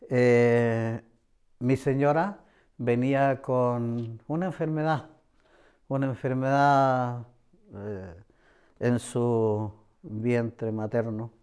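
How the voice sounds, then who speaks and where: A middle-aged man with a Chilean accent shares a personal religious testimony in an earnest, repetitive way. His voice is warm and mellow, smooth and clear. He often pauses on hesitant fillers between phrases. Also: mid-range voice. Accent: Chilean Spanish. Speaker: church member giving testimony.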